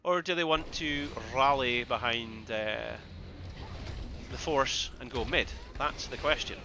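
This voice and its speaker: A man giving excitable live play-by-play commentary on an esports match, with bursts of loud exclamations. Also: medium pitch, a little slow, background noise. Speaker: esports caster.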